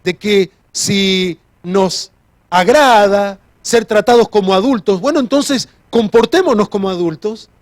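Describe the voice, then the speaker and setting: A man's voice: high voice, a little slow, no echo. A man preaching a sermon as pastor, earnest, restarting sentences and repeating key phrases.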